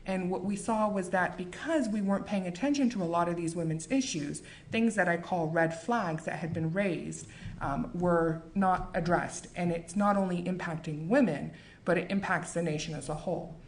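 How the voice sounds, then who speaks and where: American woman, author, book talk and reading, measured and earnest, lowish voice, faint noise behind. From United States. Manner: measured, earnest, with frequent fillers.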